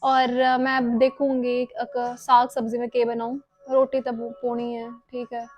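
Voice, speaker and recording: A woman's voice: fairly high pitch, monotone, a little slow, low-quality recording. A young woman from Haryana talking casually as a vlogger, chatty and self-mocking, with a Haryanvi-tinged Hindi accent and bits of English mixed in. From Haryana, India. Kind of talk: casual chat. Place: home kitchen and city streets.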